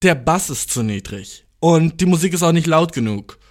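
A man's voice: fairly high pitch, expressive, normal speed, close to an everyday voice. A man voicing a fussy young woman who complains at a party, in a whiny, insistent tone. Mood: complaining.

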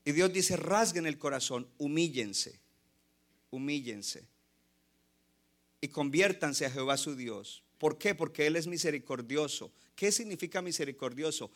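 A man delivers a passionate sermon from the pulpit, his voice sitting a little high for a man. He slips English phrases into his preaching. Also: normal speed, few pauses. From Colombia. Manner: impassioned, mixes in English phrases. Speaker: pastor.

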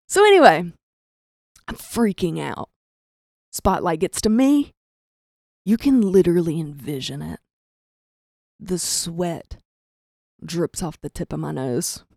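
Young woman doing stand-up storytelling, self-deprecating, acts out voices, very expressive. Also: on the low side, slow, creaky, pauses often, no echo, clean studio sound. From rural American South. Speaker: comedian storyteller. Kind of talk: comedic storytelling.

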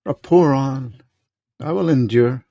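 An aging, raging king in a storm, as a man reads him aloud. The lines come slow and weighty, with long pauses between phrases. The voice is close and dry, with no room around it. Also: mid-range voice, gravelly, dark tone, no echo, muffled recording. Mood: anguished. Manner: slow, declaiming verse with heavy pauses. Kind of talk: reading a play aloud.

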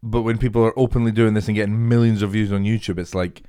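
A male comedian co-hosting a podcast in casual, sweary banter, joking and quick to laugh. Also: on the low side, fairly even intonation, dark tone, clean tone.

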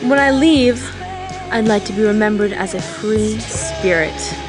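Teen actress doing hammy angsty loner girl, slow dramatic delivery, loud guitar music behind. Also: mid-range voice, natural voice. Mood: aloof, self-important. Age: teenager. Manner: hammy, theatrical over-acting. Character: angsty melodramatic sixteen-year-old girl, self-important loner. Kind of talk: amateur teen film acting.

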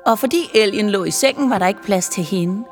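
A woman narrating a children's Christmas story with lively, playful storytelling. Her voice sits in an ordinary mid range. The reading rings with a long reverb over soft background music. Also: mid-range voice.

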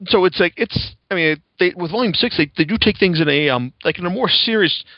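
This podcast host speaks in a high, expressive voice at a fairly quick clip, rambling through a casual review with profane enthusiasm. The dry recording has a slightly dull, lo-fi sound.

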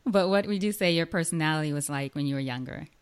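A woman's voice: low-pitched, fast talker, smooth. A woman hosting an interview, asking questions with enthusiastic, encouraging reactions. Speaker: podcast host. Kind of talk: casual interview conversation.

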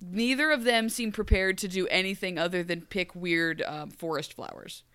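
A woman's voice: lowish voice, moderate pace, smooth. A woman co-hosting a podcast, chatting casually and animatedly, often mimicking characters in a mock-grandiose tone. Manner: animated, mock-grandiose quoting, frequent fillers. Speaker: podcast co-host. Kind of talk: casual recap chat.

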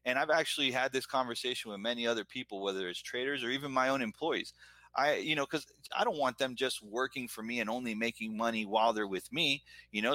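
In a casual conversation, a middle-aged American man from Florida, an entrepreneur and business owner appearing as a guest, reflects earnestly and at length on his own life. His mid-range voice sounds pushed and bright, with no echo on the recording.

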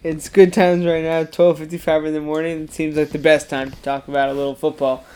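A man's voice: on the high side, flat delivery, a little fast, darkish tone, slight background noise. A young man co-hosting a podcast, chatting casually late at night and laughing easily. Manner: chuckling, easygoing. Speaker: podcast co-host.

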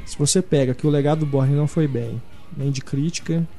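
Man, mellow, casual host chat, light music behind. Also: a little high, fairly quick, gravelly. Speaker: podcast host. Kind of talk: casual film news chat.

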